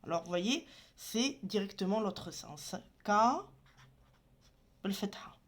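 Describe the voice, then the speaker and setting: Woman teacher, unhurried, patient, walks through letters one by one while writing. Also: medium pitch, expressive. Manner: patient, spells out each letter and sound. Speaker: Arabic teacher. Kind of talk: slow step-by-step lesson.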